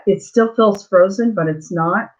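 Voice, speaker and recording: A woman hosting a casual live chat, greeting viewers haltingly and apologetically, her mouth swollen and slightly thick-sounding after dental surgery. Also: medium pitch, darkish tone. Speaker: livestream host. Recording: dull lo-fi livestream audio.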